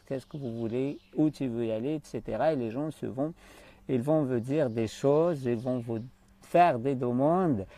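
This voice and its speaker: A man with a warm, mid-range voice hosts a live stream as a life coach, talking unscripted to his viewers. He sounds hesitant and often searches for words.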